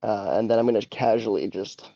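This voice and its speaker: A man's voice: on the low side, brisk, gravelly, dark tone, no echo, muffled recording. A man talking casually as a player in a tabletop game, improvising his character's moves. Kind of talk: casual improvised role-play talk.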